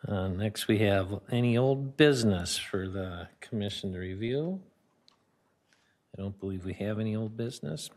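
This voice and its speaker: A man's voice: on the low side, moderate pace, darkish tone. A man from Minnesota chairing a parks commission meeting in a council chamber, plain and procedural with slight halts.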